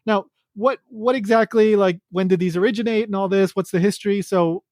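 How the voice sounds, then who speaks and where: Man, fairly high voice, rambling podcast host, lots of ums and restarts, dry close sound. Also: fairly quick, a little mellow, no echo. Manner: rambling, many fillers and restarts. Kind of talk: casual podcast chat.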